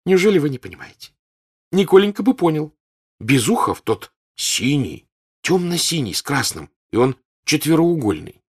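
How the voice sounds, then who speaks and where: A man doing an excitable teenage girl. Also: fairly low pitch, moderate pace, long pauses, breathy edge, pitched above the performer's own voice, full character voice. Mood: excited. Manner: eager, insistent, excitable. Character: lively teenage girl, playful and stubborn. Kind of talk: audiobook character voice.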